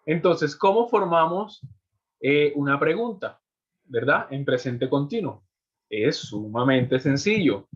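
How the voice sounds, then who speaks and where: This man's voice sits on the high side and sounds husky, animated and slow. He is teaching an English class in Spanish, laying out rules one step at a time and checking with his students after every point, heard through muffled lo-fi audio.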